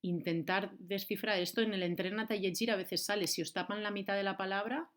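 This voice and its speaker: A young adult woman with a Valencian accent, teaching a remote lesson to young children in a clear, encouraging way. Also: medium pitch, fairly even intonation, a bit bright. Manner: slow, clear, encouraging, speaks to kids and switches between Valencian and Spanish. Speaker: primary school teacher.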